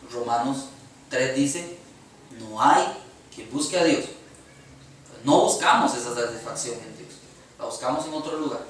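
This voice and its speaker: A man's voice: fairly high pitch, fairly bright tone, far from the mic. Male pastor, Costa Rican accent, earnest sermon, rhetorical questions, very echoey church hall, faint room hum. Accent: Costa Rican Spanish. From Costa Rica. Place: church sanctuary.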